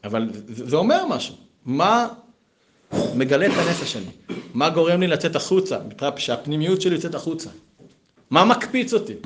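A man in his thirties gives a Torah lesson with a voice pitched a little above most men's. He talks conversationally and animatedly, breaking into lively personal asides between passages of the text. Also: noisy background. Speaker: yeshiva teacher.

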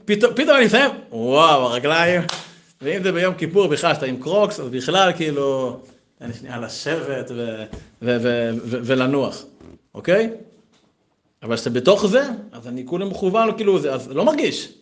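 A man in his thirties teaching a Torah lesson in a conversational, animated way, mixing text study with personal stories. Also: on the high side. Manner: animated, conversational, lively asides. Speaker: yeshiva teacher.

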